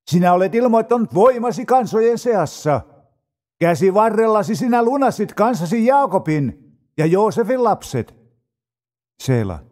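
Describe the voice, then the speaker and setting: A man reads psalms aloud with slow, solemn phrasing. His voice sits high for a man and moves over a wide, lively melodic range. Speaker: scripture reader.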